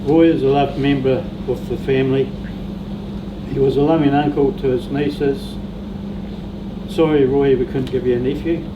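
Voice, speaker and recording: A man, the oldest brother-in-law, giving a steady and lightly humorous eulogy at a funeral. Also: mid-range voice, moderate pace. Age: older. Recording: roomy venue heard from a distance with background noise.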